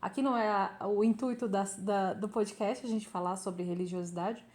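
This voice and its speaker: A woman hosting a podcast, speaking gently and hesitantly, with many fillers. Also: medium pitch, fairly even intonation, normal speed. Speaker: podcast host. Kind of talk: casual interview conversation.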